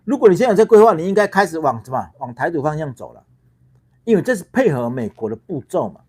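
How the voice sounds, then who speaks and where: A man's voice: a little high, big pitch swings, quick pace, darkish tone, husky. A middle-aged man from Taiwan, a party founder hosting a heated political livestream, ranting with rhetorical questions, repeated words and swearing.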